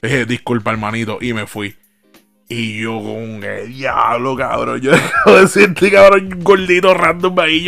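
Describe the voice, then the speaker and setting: A man's voice: medium pitch, gravelly. A young man with a Puerto Rican accent telling a casual, slang-heavy story as a podcast host, acting out what people said and laughing along. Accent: Puerto Rican Spanish. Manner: slangy, animated storyteller who mimics dialogue and laughs.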